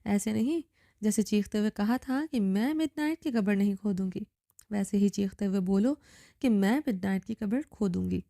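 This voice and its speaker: A woman's voice: mid-range voice, vocal fry, warm tone, no echo, clean studio sound, lightly acted. A woman voicing a cold, possessive young man who gives icy commands. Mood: cold commanding.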